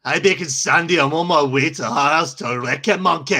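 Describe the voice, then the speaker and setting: Man doing a surly Scottish chain-smoker: thick Scottish accent, gruff. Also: a little high, a little fast, pushed and bright. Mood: grouchy. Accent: Scottish (put on). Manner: gruff, rough-edged.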